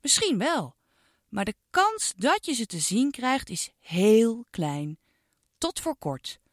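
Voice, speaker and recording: A woman narrating a children's storybook with an expressive, sing-song delivery aimed at a child listener. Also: fairly high pitch, slow, dry recording, studio quality.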